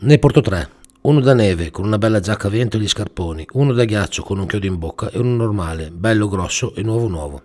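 A man hosting a show, reading a comic story aloud in a dry, even manner. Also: on the low side, quick pace, few pauses. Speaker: storyteller host.

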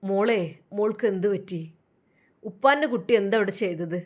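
A woman voicing a gentle, loving middle-aged father in a storybook tale, speaking softly and soothingly. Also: medium pitch, moderate pace, voice pushed down, close to an everyday voice. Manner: soft, soothing, tender.

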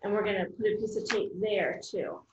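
Across a table in a small indoor room at home, an American woman in her thirties hosts a kids' video, giving simple, plain craft instructions step by step. Her medium-pitched voice is steady and brisk. The audio is reverberant and lo-fi, with loud music behind her voice.

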